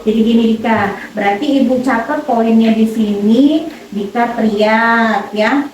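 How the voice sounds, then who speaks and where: A woman school counselor leading a counseling session, gentle and patient, checking back on what she hears with many murmured agreements. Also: fairly high pitch, a little slow, recorded from a distance, a little hiss or hum. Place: classroom. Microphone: camera from a distance. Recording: echoey room recorded from afar.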